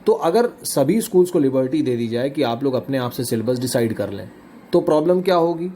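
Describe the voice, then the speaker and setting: A man's voice: mid-range voice, expressive, warm tone, slight background noise. Hindi-speaking man teaching a class. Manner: explains in Hindi mixed with English, reads definitions out slowly. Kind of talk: classroom lecture.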